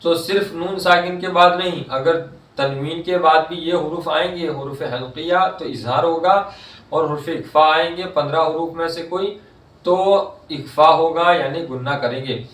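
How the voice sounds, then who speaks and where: A male Quran reading teacher, explaining the rules and reciting each word slowly and drawn out. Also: fairly high pitch, fairly bright tone. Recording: roomy echo, mic at a distance.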